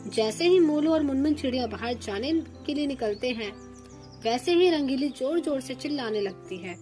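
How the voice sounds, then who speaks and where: High-voiced woman storyteller, steady cartoon narration, soft music behind. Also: moderate pace.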